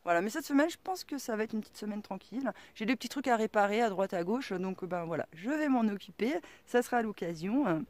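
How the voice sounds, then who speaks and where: A middle-aged woman with a strong regional French accent talks straight to her viewers in a slangy, rambling monologue. She piles up fillers and restarts, her pitch sitting in a middling range. The sound is dry and close, with no room echo. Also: animated, fast, few pauses, darkish tone. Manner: rambling, lots of fillers like "quoi" and "euh", slangy. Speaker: vlogger. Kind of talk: casual vlog monologue.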